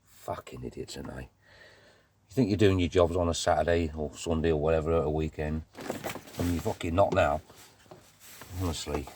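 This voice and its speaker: A man's voice: extremely low pitch, steady tone, moderate pace, pauses often, a little mellow, a little hiss or hum. A man doing a casual car repair vlog, grumbling and swearing as he works. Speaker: car DIY vlogger.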